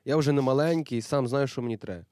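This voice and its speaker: A man voicing a hardened, cynical young soldier in a hospital audio drama, blunt and defiant. His tone is dark and mellow, recorded dry and close. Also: mid-range voice, fast, no room sound, close to an everyday voice. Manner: brusque, dismissive, slangy.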